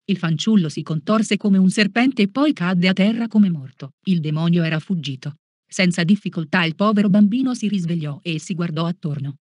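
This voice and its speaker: A catechist reading a religious lesson aloud in a slow, measured, solemn way. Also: mid-range voice, lively intonation, no echo, studio quality.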